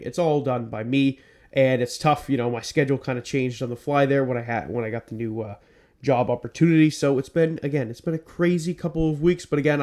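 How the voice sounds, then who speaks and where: Congested from a cold, this man hosts his own podcast in a medium-pitched voice with a darkish tone. What begins as scripted narration turns into loose, um-heavy chat.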